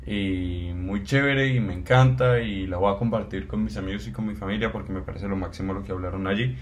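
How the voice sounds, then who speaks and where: A man's voice: on the low side, fairly even intonation, fairly quick, slight background noise. An eighteen-year-old man from Cali with a Colombian accent, co-hosting a casual podcast intro with many fillers and restarts. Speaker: podcast co-host.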